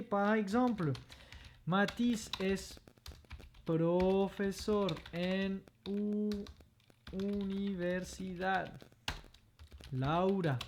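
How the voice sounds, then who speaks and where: Slow, patient male language teacher. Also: sits high, a little hiss or hum. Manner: patient, repeats each word slowly while typing. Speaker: Spanish teacher. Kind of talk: recorded lesson correcting exercises. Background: keyboard typing and clicks.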